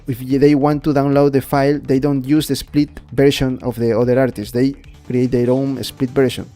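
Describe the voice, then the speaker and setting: A young Ecuadorian 3D artist streams his work and talks through his art in Spanish-accented English. His mid-range, mellow voice rambles along casually, often repeating words.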